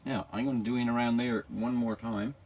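Gravelly man chatting to camera. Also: mid-range voice, level tone, a little fast, a little mellow. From Newfoundland, Canada. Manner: chatty, joking, talks straight to the viewer. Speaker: DIY motorcycle vlogger. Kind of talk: casual how-to narration to camera.

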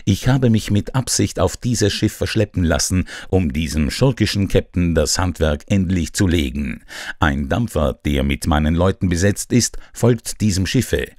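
A man's voice: low-pitched, animated, measured pace, a little mellow, no echo, clean studio sound. An actor voicing the famous detective as a commanding, authoritative man, declaiming his orders to a crew in an audiobook. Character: commanding male detective confronting a ship's crew. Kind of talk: audiobook character voice.

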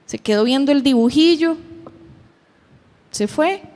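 In a church youth meeting captured with long hall reverb, a woman gives an emotional, heartfelt testimony, acting out her daughters' words. Her voice is high-pitched, expressive and a little mellow, and she takes her time.

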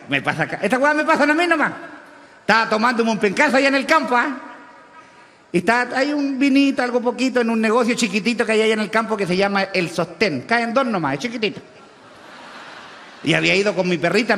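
Brief: a loud, crude country huaso from Chile, high-pitched and bright, on a reverberant live stage. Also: male voice, slight background noise, full character voice. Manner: brash, crude slang, shouty punchlines. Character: crude rowdy rural Chilean huaso man running for mayor. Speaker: comedian in character. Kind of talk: stand-up character monologue.

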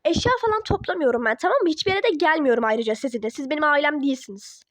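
Woman voicing a defiant teen girl, high-pitched, argumentative, dry close sound, toy-app role-play drama. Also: animated, very fast, a bit bright, no room sound. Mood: indignant. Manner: indignant, argumentative. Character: defiant teenage girl at boarding school.

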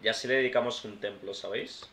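A fast-talking male gamer with a low, sharp-toned voice gives casual let's-play commentary, chatting and thinking aloud. He calls his viewers "tío" and "hermanos" like old friends, and the recording sounds roomy with faint background noise.

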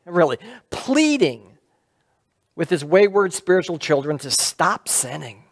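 A middle-aged man gives a sermon from a lectern in a church sanctuary, talking through a headset mic. His pitch rises and falls in a lively, animated way. He speaks conversationally and often turns statements into questions for the congregation. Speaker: pastor.

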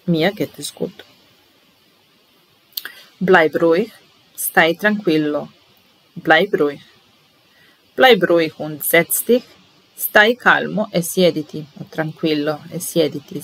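Woman teaching phrases real slow, low-ish voice, careful and patient. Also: a bit bright, low-quality recording. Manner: patient, measured, enunciating each phrase slowly. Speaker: language teacher. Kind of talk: slow bilingual lesson, repeating phrases.

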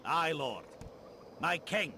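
A man's voice: a little high, sing-song, slow, gravelly, noisy background, heavily acted. An actor playing a loyal medieval soldier in a strategy game, answering his king with short dutiful replies.

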